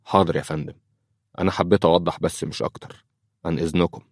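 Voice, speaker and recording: A man with an Egyptian accent playing a clinic employee who explains himself quickly and defensively. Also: low-pitched, steady tone, dry recording, studio quality.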